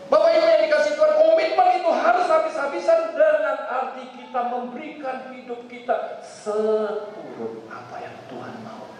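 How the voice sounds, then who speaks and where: A man pastor preaching a lively sermon, acting out the voices of the people he quotes. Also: very high voice, moderate pace, hardly any pauses, a little hiss or hum. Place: large church hall. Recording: echoey church hall, far from mic.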